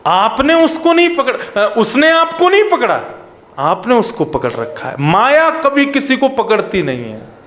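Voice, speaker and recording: A man's voice: extremely high pitch, sing-song, measured pace, fairly bright tone. A man preaching a devotional sermon, emphatic, with wide swings between raised and dropped phrases. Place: religious gathering at a pilgrimage site.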